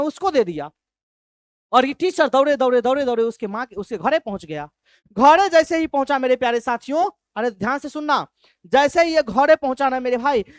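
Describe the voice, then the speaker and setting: High-voiced woman teacher. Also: clear, resonant tone, dry recording, studio quality. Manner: repetitive, asks the class questions. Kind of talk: storytelling exam lesson.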